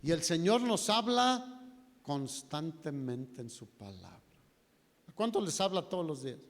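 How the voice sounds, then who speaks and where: A man's voice: fairly high pitch, big pitch swings, measured pace, in a large hall. A man with a Mexican Spanish accent preaching a sermon, telling the story dramatically, his voice swinging from raised to nearly whispered. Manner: dramatic storytelling, voice rising and dropping to near whispers. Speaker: pastor. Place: church hall.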